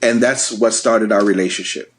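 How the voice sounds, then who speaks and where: Husky-voiced man telling a story. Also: lowish voice, normal speed. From the Bronx, New York. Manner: rambling, many ums and restarts. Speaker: podcast guest. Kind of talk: storytelling in casual conversation.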